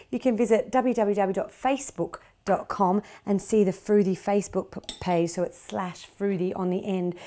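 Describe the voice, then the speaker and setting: A middle-aged woman hosts a cooking show from a home kitchen studio indoors, demonstrating a recipe. She chats encouragingly as she works, in a medium-pitched voice with a dark tone.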